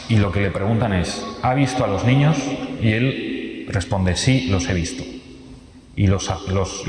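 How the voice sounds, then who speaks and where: A man's voice: fairly low pitch, darkish tone. A man from Spain with a Spanish accent, telling a story in a testimony talk, vivid and repeating phrases as he goes. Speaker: speaker giving a testimony. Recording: echoey hall with long reverb.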